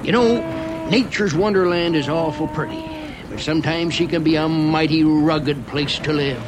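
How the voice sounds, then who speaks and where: Man acting as folksy Old West tour guide, rural Western American drawl, high voice, very animated intonation, wry theme park narration, noisy ride ambience. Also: moderate pace, close to an everyday voice. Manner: drawling, folksy dialect with chuckles.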